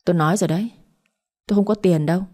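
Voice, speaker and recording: A woman voicing a harsh, spiteful middle-aged mother who taunts and curses in a shrill voice. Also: very fast, dark tone, lightly acted.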